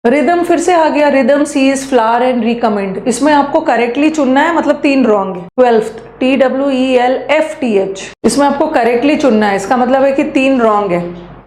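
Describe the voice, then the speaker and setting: A woman teacher, leading a live online class and briskly spelling out words letter by letter. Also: sits high, a little mellow. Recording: echoey room with faint hum.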